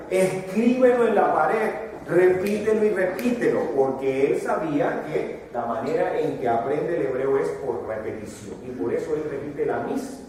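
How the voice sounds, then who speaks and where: A man from Panama preaching a sermon, walking the audience through a fill-in worksheet and building to emphatic, drawn-out repetitions. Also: a little high, a little mellow, slight background noise. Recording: echoey hall from a distance.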